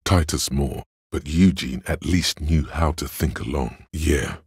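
An actor playing a cold, analytical inner voice of logic in a video game, deadpan, measured and condescending, with a deep gravelly, husky delivery. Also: male voice, dry recording, heavily acted. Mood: dry, deductive. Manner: measured, deadpan, dry and matter-of-fact. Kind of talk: scripted second-person inner-voice narration.

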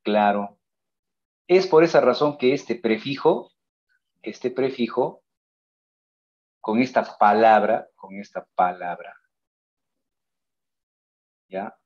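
A man's voice: medium pitch, darkish tone, lo-fi sound. A man teaching a pre-university grammar lesson. He speaks in a coaxing way, repeats his key points and calls the students "nene".

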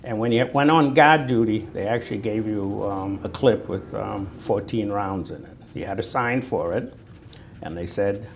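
This Boston-accented Vietnam War veteran, in his sixties and from Natick, Massachusetts, has a lowish voice. He recounts his army service haltingly and conversationally for an oral history interview, seated on camera in an indoor room. The lapel mic recording carries noticeable background noise.

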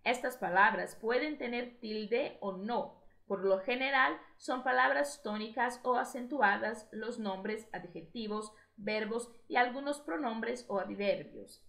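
A woman's voice: fairly high pitch, a little slow, gravelly, hardly any pauses, fairly bright tone. A woman, teaching a recorded school lesson and checking with "né?" and "tá?". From Brazil. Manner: explanatory, frequent "né?" and "tá?" checks. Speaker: Spanish teacher. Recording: echoey room.

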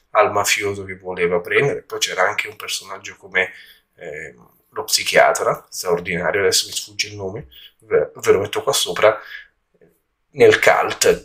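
Male film reviewer, lowish pitch, casual, halting delivery, searching for words, slightly echoey room. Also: fairly bright tone. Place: indoor room at home during a move.

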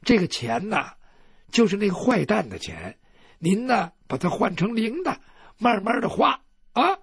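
A male storyteller voicing a quick-tempered young heroine who speaks bluntly. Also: sits high, very animated, a bit bright, husky, no room sound, clean studio sound, exaggerated voice. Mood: brusque. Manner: blunt, brusque. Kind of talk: traditional Chinese storytelling.

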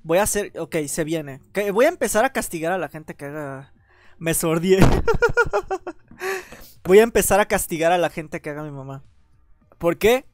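A man with a Mexican accent chatting excitedly on a gaming livestream while he has a cold, often stammering over repeated words. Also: fairly high pitch, brisk, dry recording, faint music behind. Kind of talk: casual gaming livestream chat.

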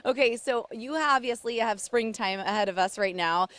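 A woman in her thirties reporting live for morning news from a farm with a handheld mic, bubbly and quick to laugh. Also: on the high side, no echo. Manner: bubbly, laughs often, excited exclamations. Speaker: field reporter. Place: outdoors on a small farm.

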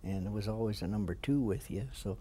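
Elderly man, seventies, Canadian accent, veteran remembering, halting plain speech, relaxed warm tone, faint background noise. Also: fairly low pitch. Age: 70s. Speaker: war veteran being interviewed. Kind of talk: veteran's reminiscence in an interview. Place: small indoor room with flags. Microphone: lapel mic.

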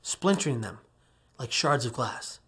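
Husky man telling his story earnestly. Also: mid-range voice, animated, a little slow. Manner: earnest storytelling, swings from quiet whispers to emphatic rises. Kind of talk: personal testimony talk.

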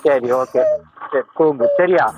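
A father on a phone call, gently coaxing and reassuring his young daughter and often asking whether she agrees. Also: mid-range voice, takes it slowly, loud music behind the voice.

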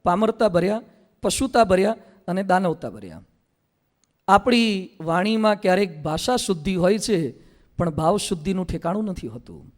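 A monk preaches a sermon in a notably high voice. He tells stories briskly and slips into mimicking ordinary people to make his points. He drops into a slower, chant-like delivery for scripture verses. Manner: lively storytelling with mimicry of everyday people.

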